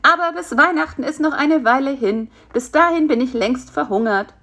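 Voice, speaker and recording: A woman voicing a hungry, whiny male fly caught in a spider's web, complaining in a squeaky voice. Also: moderate pace, a bit bright.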